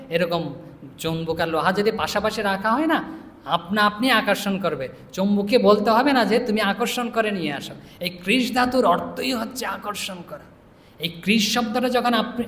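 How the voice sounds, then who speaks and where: A middle-aged male monk giving a devotional sermon, explaining scripture word by word, chanting verses slowly and often asking listeners whether they understood. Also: high voice, fairly bright tone. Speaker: monk preacher. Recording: echoey hall reverb.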